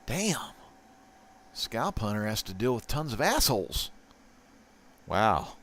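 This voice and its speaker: A man hosting a casual comic book haul vlog, chatty and excitable, swinging from loud bursts to mumbled asides. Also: on the low side, takes it slowly. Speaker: host.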